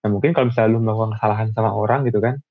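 A man's voice: fairly low pitch, fairly even intonation, very fast, dry recording. A young man talks casually in slang, often stopping to restart a thought. His voice comes through thin and tinny, like a phone call. The sound is dry, with no room around it. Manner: slangy, hesitant, full of restarts. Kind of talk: casual chat.

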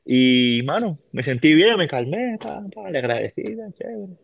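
A middle-aged man from Puerto Rico with a Puerto Rican Spanish accent, telling a personal story as a podcast guest in a casual, animated way and acting out the voices of people in it. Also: on the high side, moderate pace, gravelly, no echo, muffled recording.

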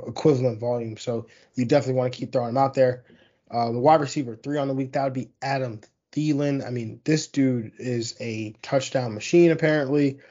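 A man's voice: mid-range voice, darkish tone, muffled recording. Man rambling through fantasy football stats. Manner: rambling with many fillers and restarts. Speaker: fantasy football podcast host. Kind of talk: casual sports analysis monologue.

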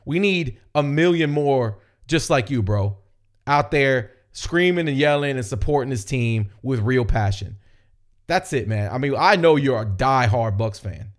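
A man hosting a fan podcast, reacting to listener voicemails in a casual, energetic way with swearing. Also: mid-range voice, a little slow. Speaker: podcast host.

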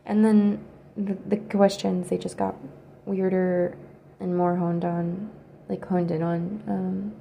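A woman quietly telling a personal story in a hesitant, halting way, pausing often. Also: fairly low pitch, little pitch movement, gravelly, muffled recording, slight background noise. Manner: hesitant and halting, with many pauses and fillers; quiet, subdued recounting. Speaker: video creator.

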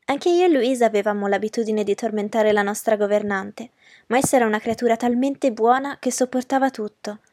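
A woman reading aloud and voicing a sweet, childlike young lady who chatters in a soft, girlish way. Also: on the high side, a little fast, no echo, clean studio sound, close to an everyday voice. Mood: chatty. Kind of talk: audiobook character reading.

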